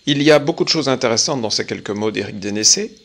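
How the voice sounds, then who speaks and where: A man giving a measured, opinionated spoken commentary on current affairs, pausing often. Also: mid-range voice, animated, fairly bright tone. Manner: measured, opinionated, with frequent pauses. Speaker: political commentator.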